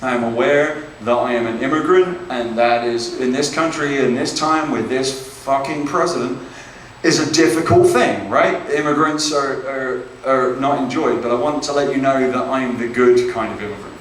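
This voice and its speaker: A man's voice: medium pitch, normal speed, recorded from a distance, a little hiss or hum. A British man doing a stand-up comedy set, chatty and self-deprecating, often checking in with "right?". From Britain. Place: comedy club stage. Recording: echoey club, mic heard from afar.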